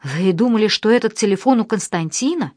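A sharp, quick-witted older woman voiced by the female reader talks back to a caller boldly and with mockery. Her voice sits in a natural middle range, recorded dry and close for an audiobook. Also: mid-range voice, lively intonation, no room sound, natural voice. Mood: defiant. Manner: bold, mocking.

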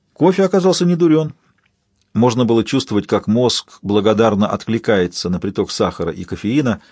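A man narrating an audiobook in a steady, wry storytelling manner. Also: lowish voice, breathy edge, no echo, studio quality.

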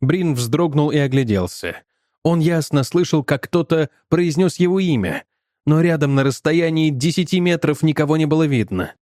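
Brief: male reader, slightly higher voice, measured storytelling, dry close mic. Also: lively intonation, darkish tone, dry recording. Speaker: audiobook reader. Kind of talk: scripted narration.

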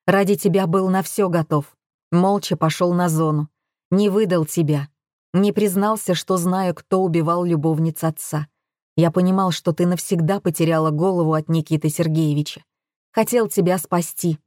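A woman voicing a grown son who pleads with his mother in a low, heartfelt voice. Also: fairly even intonation, moderate pace, darkish tone, no echo, clean studio sound, close to an everyday voice. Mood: pleading.

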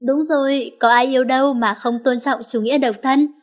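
A woman voicing a young man, a wounded, protective and jealous lover who speaks cold to enemies and gently to his girl. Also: high-pitched, steady tone, a little fast, lightly acted. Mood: teasing. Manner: cold, then tender and teasing.

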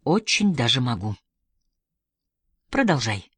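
A woman reading an audiobook, voicing a composed young woman who speaks in a measured, quietly insistent way. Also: rumbling low, very animated, husky, dry recording, clean studio sound, pitched below the performer's own voice, heavily acted. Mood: restrained.

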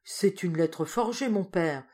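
A woman's voice: fairly low pitch, takes it slowly, a little mellow. A woman reading an audiobook voices a smug, deceitful young man who answers in a cool, dismissive way.

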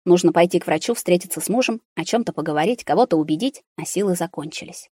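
A woman reading a novel aloud as scripted narration, calm and even. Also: on the low side, fast talker, husky, no room sound, clean studio sound. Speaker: audiobook narrator.

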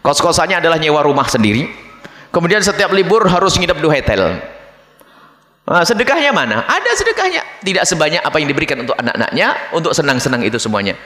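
Male preacher, fairly high, bright and forceful, animated delivery, echoey hall with long reverb. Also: fast talker. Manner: animated, acts out the voices of people he describes. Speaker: Islamic preacher. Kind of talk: religious lecture to a congregation.

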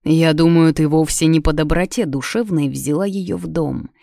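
A woman's voice: low-pitched, steady tone, moderate pace, creaky, mellow, no room sound, studio quality. Woman voicing a stern commanding king. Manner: curt, commanding.

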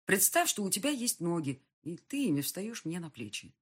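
An injured young woman trapped in a pit coaxes and pleads with stubborn urgency, as a woman reads her lines. Her voice is husky and fairly low. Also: big pitch swings, normal speed. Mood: urgent.

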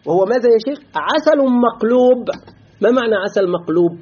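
A man with an Egyptian accent, a sheikh giving a religious lesson, asking rhetorical questions and spelling out words in an animated way. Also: extremely high pitch, brisk, a little hiss or hum. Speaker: sheikh teaching a book. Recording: slightly dull lo-fi recording.

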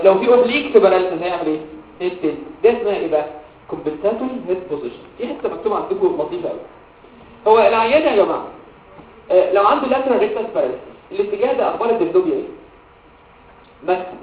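A man's voice: high-pitched, far from the mic, slight background noise. A man with an Egyptian Arabic accent lecturing medical students, mixing in English medical terms and quizzing the class. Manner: animated, asks the class questions and answers them himself; mixes English medical terms into his talk. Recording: tinny phone-like audio, echoey room, from afar.

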